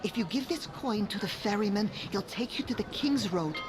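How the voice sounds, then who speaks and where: An actress playing a kindly, brisk older village woman in a fantasy game, maternal and plain-spoken. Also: medium pitch, lively intonation, close to an everyday voice. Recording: music behind voice.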